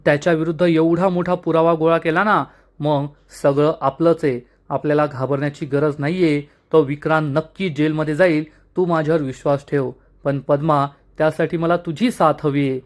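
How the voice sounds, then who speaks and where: A resolute young woman reassures her friend in a firm, soothing tone, as a man reads her part. Her voice sits a little high and stays steady and determined. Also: normal speed, few pauses, natural voice.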